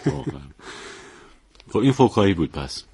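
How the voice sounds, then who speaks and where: A man hosting a podcast interview, relaxed and chatty, telling jokes and acting out quoted lines. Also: fairly low pitch, gravelly, background noise. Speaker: podcast host. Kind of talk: conversational interview.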